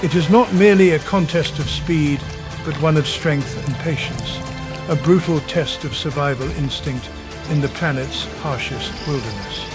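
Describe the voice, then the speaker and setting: A male narrator reads scripted nature documentary narration in a noticeably high register for a man. His delivery is measured and portentous, built for drama. Music plays clearly behind his voice.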